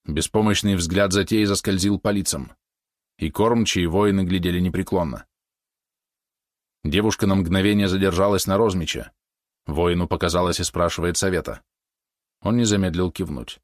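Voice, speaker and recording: A man reading a historical novel aloud as audiobook narrator, measured and steady. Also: low-pitched, dry recording, studio quality.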